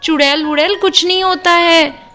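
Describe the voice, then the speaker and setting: Brief: level-headed young sister-in-law voiced by a woman, teasing, bright and high, slow. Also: steady tone, faint music behind, heavily acted. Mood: reassuring. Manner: teasing, reassuring. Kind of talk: doll-play storytelling.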